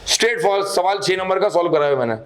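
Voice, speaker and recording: Guy teaching a class, pretty high voice, scolds a lot, throws in english words. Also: quick pace. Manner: scolding, emphatic, mixes English terms. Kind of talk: classroom lecture.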